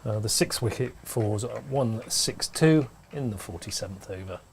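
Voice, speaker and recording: A man giving relaxed, chatty live commentary on a club cricket match from a pavilion room. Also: on the low side, normal speed, gravelly, a little hiss or hum.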